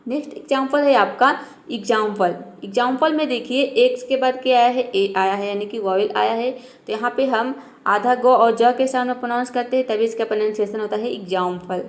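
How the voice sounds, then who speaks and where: Patient higher-voiced woman teaching English. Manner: patient, asks and answers her own questions, repeats each word slowly. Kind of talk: spoken lesson on pronunciation rules.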